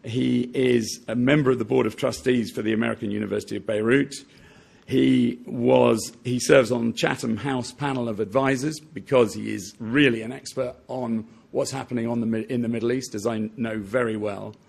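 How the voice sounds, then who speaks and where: A man with a heavily gravelly, husky voice introduces a guest speaker at a formal event. He speaks in a measured way, listing achievements with small hesitations. He is heard through a podium microphone in a lecture hall. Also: mid-range voice, a little mellow.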